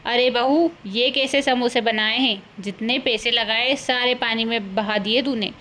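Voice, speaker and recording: A woman's voice: fairly high pitch, a little slow, sharp tone, slight background noise. A woman voicing a scolding, greedy older village mother-in-law in a cartoon, bossy and scornful. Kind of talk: cartoon voice acting.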